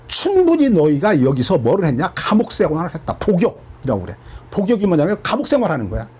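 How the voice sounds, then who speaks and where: A man's voice: a little high, a little mellow, breathy edge. A man teaching from the Bible as a pastor, asking his listeners questions and answering them himself.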